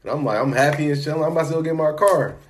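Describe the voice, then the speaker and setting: A man's voice: fairly high pitch, very fast. A young man hosting a casual podcast conversation, loose and slangy, swearing freely as he talks. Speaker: podcast host.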